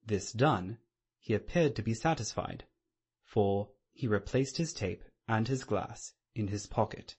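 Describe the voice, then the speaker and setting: Low, husky male audiobook narrator. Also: lively intonation, a little slow, a little mellow. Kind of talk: scripted literary narration.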